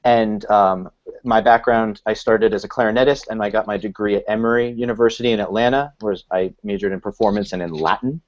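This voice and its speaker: A man's voice: on the low side, fairly even intonation, a little fast. A man moderating a panel discussion over a video call, asking questions in a friendly, organized way. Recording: muffled video call audio.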